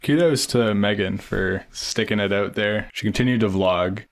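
A man hosting a casual conversation, relaxed and supportive in an easygoing way. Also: lowish voice, normal speed, gravelly.

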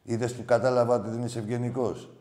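A man hosting a call-in show, talking bluntly with plenty of swearing, jumping between loud outbursts and low muttering. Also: little pitch movement. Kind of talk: casual call-in banter.

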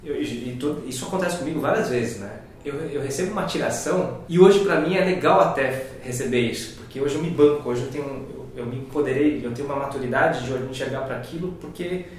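A man with a Brazilian accent talking casually and reflectively, with halting starts and frequent tag questions. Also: darkish tone. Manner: hesitant, frequent tag questions, grows amused while telling anecdotes. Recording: roomy, echoey, distant mic with low rumble.

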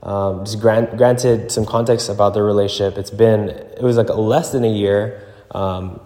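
A man hosting a show, talking casually and off the cuff in a halting, thinking-aloud way, recorded in an echoing gym. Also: on the low side, steady tone, dark tone. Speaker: podcast host and relationship coach. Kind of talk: casual solo talk, unscripted. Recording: very echoey gym, long reverb.

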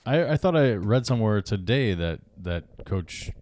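A man's voice: on the low side, expressive, unhurried, a little mellow, a little hiss or hum. A man co-hosting a fantasy football podcast in casual chat, laid-back and agreeable, laughing easily and reading out stats. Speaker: podcast co-host.

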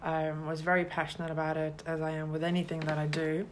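Lower-voiced woman from Lithuania. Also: little pitch movement, fast, slight background noise. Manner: earnest, hesitant with fillers. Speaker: business founder, guest. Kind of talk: casual interview chat.

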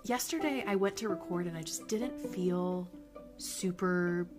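Over loud music, a woman with a lowish, slightly nasal voice speaks unhurriedly on her own podcast. Her casual motivational monologue is upbeat and encouraging.

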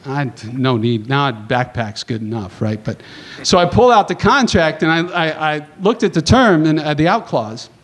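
A man on a conference panel telling a long anecdote in a casual, animated way, acting out the dialogue and tossing in quick asides. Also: a little high. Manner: animated, acts out dialogue, chatty asides with "right?".

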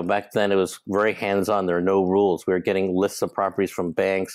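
Podcast guest: man in his 30s from Hong Kong, very low voice, loose storytelling. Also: dry recording, rough recording. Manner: relaxed, rambling storytelling with fillers. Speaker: guest, startup co-founder. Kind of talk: casual interview talk.

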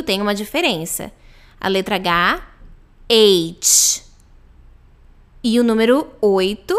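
A woman's voice: mid-range voice, fairly bright tone. A young adult Brazilian woman with a Brazilian Portuguese accent, teaching pronunciation on a podcast and repeating each letter patiently. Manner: drawn-out model letters, patient repetition. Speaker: English teacher. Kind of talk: slow podcast pronunciation lesson.

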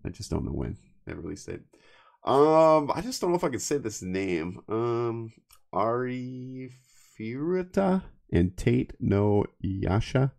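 A man co-hosting a podcast, chatting casually about anime with a rambling, halting delivery. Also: medium pitch, big pitch swings, creaky, darkish tone. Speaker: podcast co-host.

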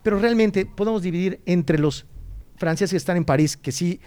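A man's voice: sits high, normal speed, clean tone. A man with a Mexican accent, a podcast guest chatting casually and animatedly, often acting out what others say, with frequent restarts. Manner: animated storyteller who acts out quoted voices, frequent restarts. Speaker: guest, student exchange organizer. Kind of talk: casual conversation.

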